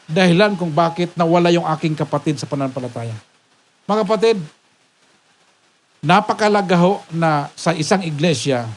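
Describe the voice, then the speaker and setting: A man preaching a sermon as a pastor. He keeps asking "Ha?" to check on his listeners, climbs to emphatic peaks, and drops low and soft when he tells a story. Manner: preaching with frequent rhetorical "Ha?" checks.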